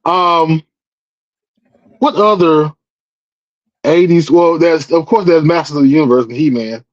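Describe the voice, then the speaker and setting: A man's voice: fairly high pitch, measured pace, no room sound, lo-fi sound. A man in his forties, a guest in a casual chat, talking in an easygoing way with frequent chuckles. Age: 40s.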